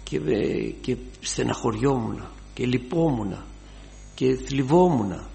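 An older man preaching a sermon, fervent, his voice rising to loud exclamations. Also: medium pitch, animated, gravelly, slight background noise.

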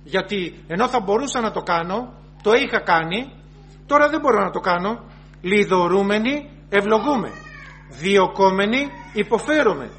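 A high-pitched man delivers an earnest sermon. He repeats and rephrases each point and reads scripture aloud before he explains it. A faint hum runs under the recording. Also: lively intonation, fairly bright tone. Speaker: preacher.

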